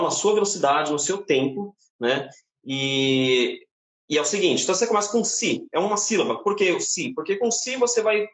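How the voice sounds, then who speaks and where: A man with a Brazilian Portuguese accent giving a casual live-stream singing lesson from home, explaining in a relaxed way with frequent tag questions. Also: high-pitched, reverberant. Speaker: singing teacher. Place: home, indoors.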